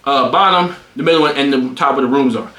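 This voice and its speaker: A young man in his twenties tells a story in a casual, animated way. He swears freely, and his voice jumps high when he gets worked up. It's recorded in a room with a roomy echo. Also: fast talker. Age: 20s. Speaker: streamer.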